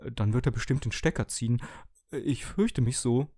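A man's voice: medium pitch, normal speed, no room sound, studio quality, natural voice. A man doing a timid, fearful talking kettle. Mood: frightened. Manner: anxious, hushed. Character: timid, whispering electric kettle.

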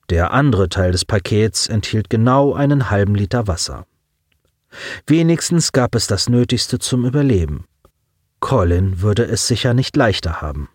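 Male narrator, expressive reading, animated pitch, dry studio sound. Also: no echo. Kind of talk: scripted audiobook narration.

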